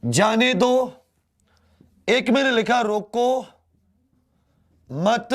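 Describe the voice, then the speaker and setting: A man teaching a Hindi grammar lesson, repeating key words and asking them back to the students. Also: extremely high pitch. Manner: slow, drawn-out delivery.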